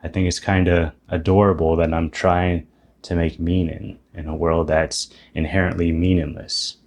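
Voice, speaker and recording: A YouTuber in his thirties with a very low, deep voice addresses his viewers, musing aloud about spiritual ideas. He thinks out loud and often restarts sentences, staying reflective and slightly self-deprecating. His tone is level and his speed normal.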